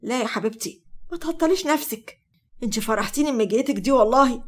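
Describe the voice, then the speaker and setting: A woman voices an older Egyptian mother-in-law in a narrated story. She coaxes in a sugary, fond tone, talking fast and a touch high. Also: close to an everyday voice. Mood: sweet. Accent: Egyptian Arabic.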